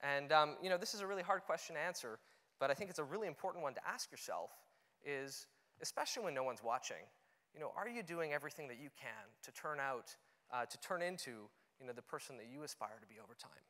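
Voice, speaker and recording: Young guy giving a stage talk, earnest and chatty, lots of "you know", slightly high voice, big echoey hall. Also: expressive, fast talker, pushed and bright. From Canada. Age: young adult. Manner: earnest, conversational, many "you know" fillers. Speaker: conference speaker. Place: auditorium stage. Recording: long hall reverb.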